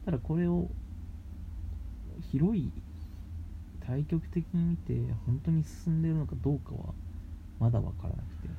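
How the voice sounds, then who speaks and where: Man, radio host, casual explainer, halting phrasing, creaky voice, dull lo-fi recording. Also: fairly high pitch. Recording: muffled lo-fi with faint background noise.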